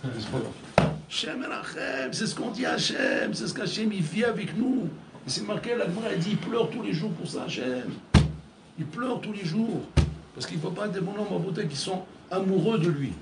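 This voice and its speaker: Male rabbi, lively preacher, slightly high voice, roomy echo. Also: vocal fry, noisy background. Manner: animated, acts out dialogues, addresses listeners as Rabotai. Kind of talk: Torah lecture. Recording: echoey room with faint ambience.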